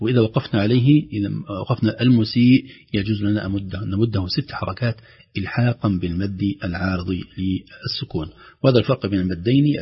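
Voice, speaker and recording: Gravelly husky man teaching recitation. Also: fairly low pitch, dull audio. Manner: patient, explanatory, recites example words slowly. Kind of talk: explaining tajweed on a call-in program.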